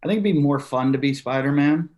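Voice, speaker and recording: A man's voice: fairly high pitch, fast talker. A man in his forties, a comedian guest on a podcast, telling stories and acting out quotes. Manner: animated storyteller acting out quotes. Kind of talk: podcast interview.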